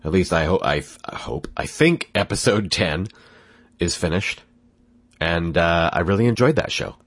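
A podcast host congested from a cold rambles casually, cutting himself off and laughing at himself as he goes. His voice sits low with lively intonation at a normal speed, and there's no room sound.

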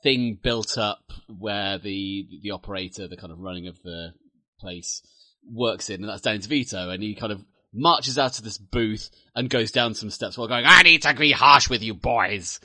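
A man's voice: fairly low pitch, steady tone, moderate pace, pushed and bright, dry recording. A man co-hosting a casual film podcast, playful and joking. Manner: playful, jokes and puts on silly voices. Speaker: podcast co-host.

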